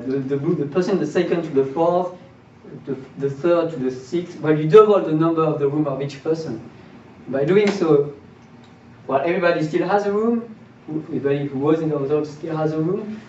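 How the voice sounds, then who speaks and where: A young man with a slightly mellow, somewhat high voice gives an informal lecture in a small indoor seminar room, posing rhetorical questions and checking in with listeners as he explains. A far-off camera mic captures it distant and roomy, dull, with faint noise.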